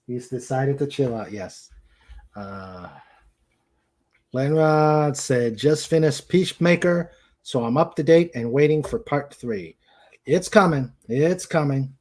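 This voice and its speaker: A man with a medium-pitched, darkish voice speaks slowly as host of a casual live chat, set at home in a room with a couch. Reading viewer comments, he's hesitant and rambling, circling back to the same phrases.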